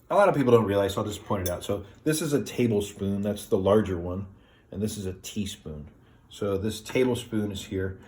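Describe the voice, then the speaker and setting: Low-voiced man demonstrating home cooking. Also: slight background noise. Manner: relaxed, plain-spoken, many "uh"s and "um"s. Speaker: home cooking show host. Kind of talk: casual step-by-step cooking demonstration. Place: home kitchen.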